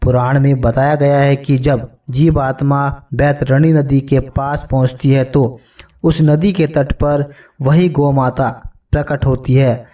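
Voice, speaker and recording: A man narrating a religious story in a solemn, measured scripted delivery, addressing listeners as friends. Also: medium pitch, fairly even intonation, dark tone, far from the mic.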